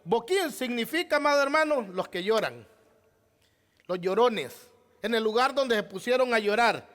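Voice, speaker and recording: A man's voice: extremely high pitch, expressive, normal speed, fairly bright tone. A male pastor preaching a sermon, asking rhetorical questions and addressing the congregation as beloved brother.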